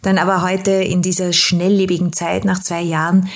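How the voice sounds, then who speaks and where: A woman's voice: fairly low pitch, flat delivery, normal speed. A woman hosting an interview podcast, asking long, winding questions with frequent hesitations. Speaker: podcast host.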